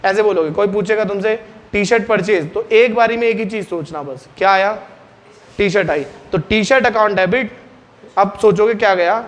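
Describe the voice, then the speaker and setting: In his classroom, a man with a high-pitched voice runs quick question drills and has students call out answers.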